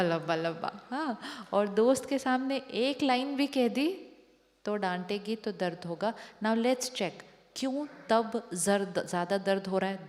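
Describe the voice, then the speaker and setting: A woman giving a spiritual discourse to an audience as a teacher, repeating rhetorical questions to them. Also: a little high. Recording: long hall reverb.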